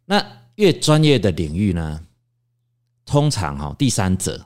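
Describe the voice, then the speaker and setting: Deep-voiced lawyer explaining slowly. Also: male voice, sing-song, darkish tone. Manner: measured, explanatory, many drawn-out fillers. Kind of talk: discussion.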